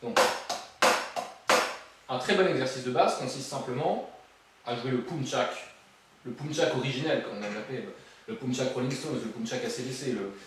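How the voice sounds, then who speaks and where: A man's voice: medium pitch, moderate pace, pauses often, background noise. A man teaching a drum lesson, counting beats aloud and joking between exercises, with drums playing behind him. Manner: playful, jokey asides while counting beats aloud. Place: room with a drum kit. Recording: very echoey room, voice from far off.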